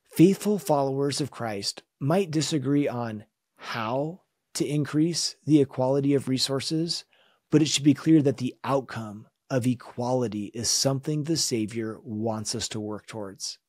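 A man teaching a scripture lesson in an earnest, measured, reflective way. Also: medium pitch, a little mellow, no echo, clean studio sound. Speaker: religion teacher.

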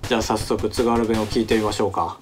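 A man's voice: on the low side, fairly even intonation, fast, over music. A man co-hosting and answering a quiz in playful, casual chat. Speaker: co-host and quiz contestant.

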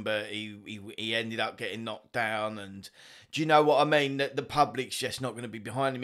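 A British man hosting a sports podcast, chatting casually and rambling about boxing news, self-mocking and quick to laugh at himself. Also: lowish voice, creaky, a bit bright. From Britain.

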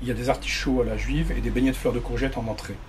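A man's voice: mid-range voice, steady tone, racing, a little mellow, slight background noise, lightly acted. A man reading the part of a playful, teasing retired policeman husband, at a bookshop reading. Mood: coaxing. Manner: teasing, bantering. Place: bookshop reading before an audience.

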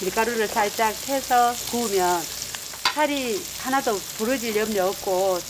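A woman's voice: a little high, a little slow. Woman, Gyeongsang accent, speaking through a face mask, middle-aged, homely cook, noisy location sound. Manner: homely, explains cooking plainly. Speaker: local fishing-village cook. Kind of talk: casual chat with a film crew.

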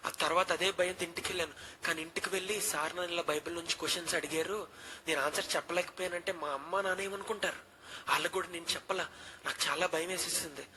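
A man's voice: a little high, steady tone, fast, bright, forceful tone, slight background noise, low-quality recording. A young man in his twenties, a pastor, earnestly telling a personal testimony and slipping English phrases into his speech.

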